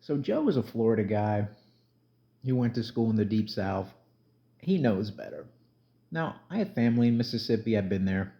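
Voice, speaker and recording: A middle-aged man from New Jersey, USA, delivers blunt commentary for his YouTube vlog in a low voice. His casual spoken commentary turns into emphatic, conversational rants in plain talk. The sound is dull and lo-fi.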